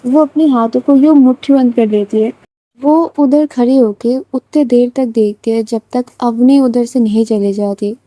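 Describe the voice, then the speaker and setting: A woman's voice: fairly high pitch, mellow, no room sound. A woman storyteller narrating a story in a chatty, casual way with many fillers.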